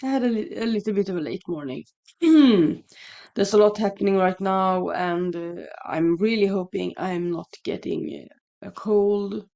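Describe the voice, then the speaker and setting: Recorded on a headset mic in a dry room at home, a Swedish woman who vlogs about shamanism rambles through a casual morning chat, correcting herself along the way. She speaks with a Swedish accent at a measured pace in a medium, sing-song voice that is gravelly and dark. The audio sounds dull, and she's slightly sniffly, as though getting a cold.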